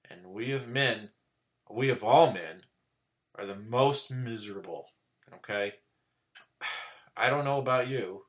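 A man with a mid-range, sharp-toned voice preaches earnestly, reading scripture aloud in old-style wording. He checks in with "okay?" after nearly every point.

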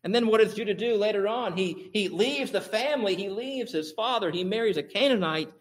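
A pastor preaches with a notably high-pitched voice. His delivery is emphatic and builds through repeated phrases. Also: fairly quick. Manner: emphatic, repetitive rhetoric. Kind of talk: sermon.

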